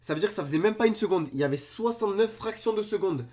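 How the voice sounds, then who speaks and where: Young man, reaction commentary, high voice, very animated, disbelieving exclamations. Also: fast talker. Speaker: video reactor.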